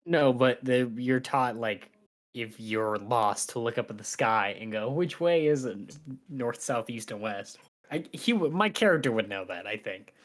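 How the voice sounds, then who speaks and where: A man bantering at a tabletop game, teasing the others and arguing his character's case. He speaks at a middle pitch for a man. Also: measured pace. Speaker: player.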